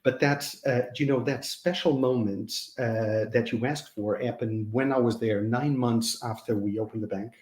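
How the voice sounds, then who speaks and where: A man answers interview questions, speaking earnestly and halting often over fillers. His voice sits at a medium pitch, and it sounds roomy, as if the room has a noticeable echo. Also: fairly even intonation, darkish tone. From Mozambique. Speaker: guest. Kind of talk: hesitant conversational interview answers.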